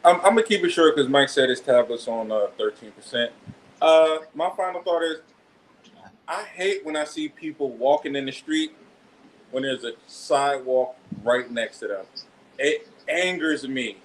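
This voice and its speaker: A man co-hosting a casual podcast, halting and repeating himself as he rants. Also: mid-range voice, a little hiss or hum, poor audio. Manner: halting, starts with repeated "I"s, ranting. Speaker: podcast co-host. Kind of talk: casual live podcast chat.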